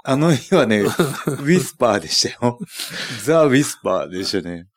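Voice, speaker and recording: A man's voice: medium pitch, very animated, moderate pace. A man hosting a podcast, chatting casually and joking, with lots of fillers. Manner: chatty, jokey, many fillers. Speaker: podcast host.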